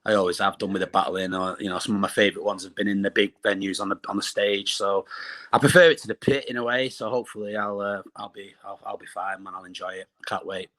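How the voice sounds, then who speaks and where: A man's voice: fairly low pitch, flat delivery, fast, fairly bright tone. A British man in his thirties bantering casually as a guest on a video call. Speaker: battle rapper, guest. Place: room at home, video call.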